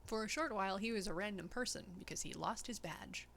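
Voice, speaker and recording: A woman's voice: mid-range voice, a little fast, gravelly, a bit bright. A woman streaming a game, chatting casually and laughing often with her co-host. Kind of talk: casual gameplay chat.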